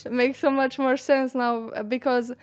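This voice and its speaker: A Serbian-accented woman chats as a guest, her English a little non-native in phrasing. Her voice is smooth and clear, set dry and close. The call audio is slightly dull and muffled. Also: high-pitched, little pitch movement, moderate pace, dry recording. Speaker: guest artist. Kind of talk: casual chat.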